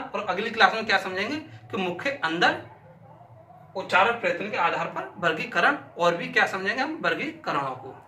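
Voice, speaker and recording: Bright, high-voiced male teacher. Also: slight background noise. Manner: demonstrates sounds by repeating syllables aloud; asks and answers his own questions. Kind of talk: classroom lesson. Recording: echoey room, voice from a distance.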